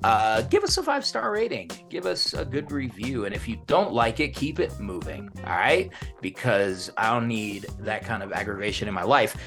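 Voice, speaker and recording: Very animated and talking at a normal clip with few pauses, this American man hosts a laid-back podcast interview full of slang and Spanish phrases. His medium-pitched voice is a touch bright, and faint music plays behind him.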